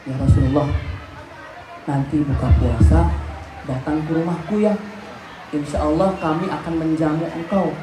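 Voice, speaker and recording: A male preacher voicing a humble, earnest man who speaks in a low, hushed tone. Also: fairly even intonation, moderate pace, long pauses, a crowd in the background, lightly acted. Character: humble, earnest grown man, a host anxious about his meal. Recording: roomy hall with faint background noise.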